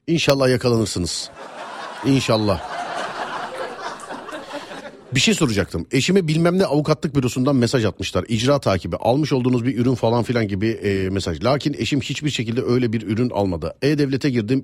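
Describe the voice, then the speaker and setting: Male radio host, mid pitch, very lively and quick, rambling and teasing through listener messages. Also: a little hiss or hum. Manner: animated, teasing, rambling conversational delivery. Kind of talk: casual radio chat, reading out listener messages. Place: radio studio. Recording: music bed behind the voice.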